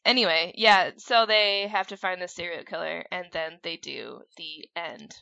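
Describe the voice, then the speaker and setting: A woman's voice: on the low side, a little slow, gravelly, sharp tone, dry recording, dull audio. A woman co-hosting a casual podcast, rambling through a movie recap with lots of fillers, and sounding sick. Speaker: podcast co-host. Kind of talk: casual chat.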